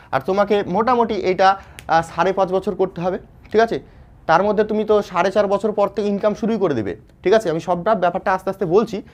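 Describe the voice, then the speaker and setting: A Bengali-accented man from West Bengal is teaching students in an informal explainer. His voice sits a little higher than most men's. He keeps checking in with his listeners and often restarts his phrases. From West Bengal, India. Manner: informal, repeats "ঠিক আছে?" to check understanding, frequent fillers and restarts. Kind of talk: explainer lesson addressed to students.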